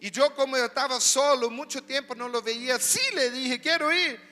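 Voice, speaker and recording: A man preaching a sermon as pastor, animated and full of rhetorical questions, in a church hall. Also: very high voice, normal speed. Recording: reverberant hall with soft music.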